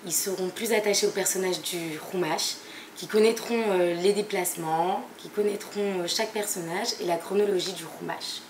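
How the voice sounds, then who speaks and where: A woman's voice: fairly low pitch, moderate pace, very noisy. A young woman, a teacher, explaining a project steadily with light hesitations. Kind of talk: spoken presentation. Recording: echoey room.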